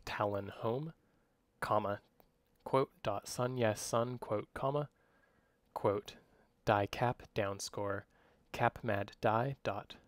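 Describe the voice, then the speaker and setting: A man dictating code by voice, speaking clipped strings of isolated command words as a software demonstration. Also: mid-range voice, no room sound.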